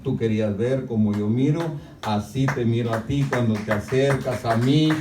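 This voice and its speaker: A man's voice: steady tone, normal speed, over music. Preaching man, roomy distant sound. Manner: preaching with frequent "hermano", swings to loud high-pitched shouting. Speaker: pastor. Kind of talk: sermon. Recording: echoey church sound from a distant mic.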